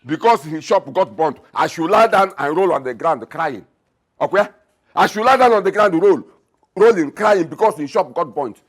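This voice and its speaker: In a film drama, a Nigerian-accented actor takes the part of a bossy, scoffing middle-aged father who is gruff, scornful, mocking and domineering. He speaks at normal speed with a fairly high, expressive voice.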